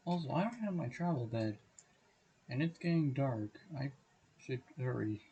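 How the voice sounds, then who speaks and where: A slightly hoarse man streaming a game, thinking aloud and correcting himself as he goes. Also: mid-range voice, animated, moderate pace, dark tone, slight background noise, low-quality recording. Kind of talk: livestream gameplay commentary. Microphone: desk mic on a stand.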